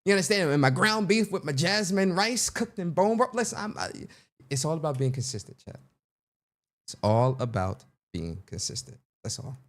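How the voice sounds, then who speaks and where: A young man hosting a casual livestream, playful and animated, talking straight to his chat. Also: fairly high pitch, moderate pace. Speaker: livestream host.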